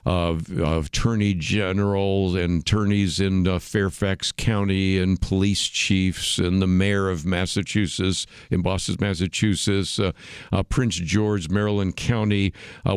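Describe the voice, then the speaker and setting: A man with a lowish voice hosting a radio talk show, recorded dry and close in a studio. He speaks in a measured, explanatory way and often fills pauses with "uh". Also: clean tone, no echo. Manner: measured, explanatory, frequent "uh" fillers. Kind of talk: unscripted radio commentary.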